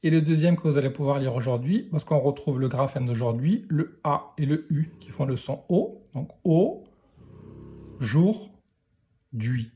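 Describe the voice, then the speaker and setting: A man teaching young children to read, sounding out syllables slowly and deliberately. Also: medium pitch, mellow, muffled recording. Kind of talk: reading lesson for young children.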